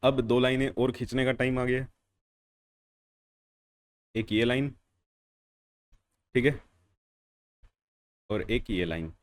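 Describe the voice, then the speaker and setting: This young adult man teaches chemistry slowly in a medium-pitched voice, pausing often. He asks questions only to answer them himself, repeats key phrases, and calls his students "beta" and "bhaiya".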